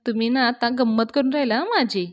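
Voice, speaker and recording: A woman voicing a warm-hearted young man who coaxes and teases, calling the girl "madam" in a rustic way. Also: a little high, fast, highs cut off, lightly acted. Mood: pleading. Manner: coaxing, rustic idioms, calls her "madam".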